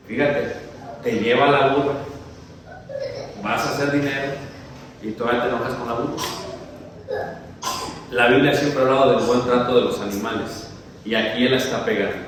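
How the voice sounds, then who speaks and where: A male preacher who gives a lively sermon, jokes with the congregation, asks them questions and acts out the story. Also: mid-range voice, normal speed, pauses often. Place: church hall. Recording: very echoey church hall, mic far off, faint noise.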